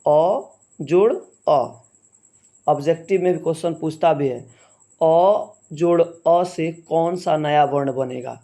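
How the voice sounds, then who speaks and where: A man's voice: a little high, warm tone. A man teaching a grammar lesson, explaining step by step and often checking in with the listener. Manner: slow, measured, repeats "है ना" as a check-in.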